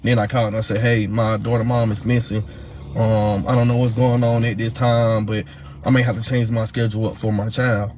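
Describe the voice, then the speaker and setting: A man's voice: lowish voice, flat delivery, darkish tone, a little hiss or hum. Heated man telling his story. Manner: fast, heated retelling full of fillers and repeats. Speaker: father of a missing woman's child. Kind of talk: casual storytelling.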